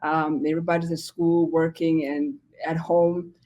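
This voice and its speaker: A Zimbabwe-born pastor in her forties tells her story as a guest in a casual interview, warm and full of fillers. Her voice is low and her delivery flat, at a moderate pace.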